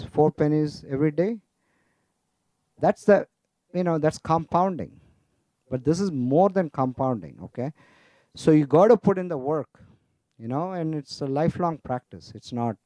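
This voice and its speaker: Man, spiritual teacher, casual humorous talk, slightly high voice, mellow tone, dry close sound. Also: smooth, no echo. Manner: humorous storytelling with Sanskrit terms; chatty, frequent "you know" and "right?".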